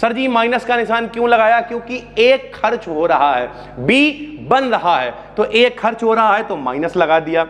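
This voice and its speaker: High-voiced chatty chemistry teacher. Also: male voice, very animated, normal speed, fairly bright tone. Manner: chatty, calls students brother, asks and answers own questions. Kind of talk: classroom lecture. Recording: long hall reverb.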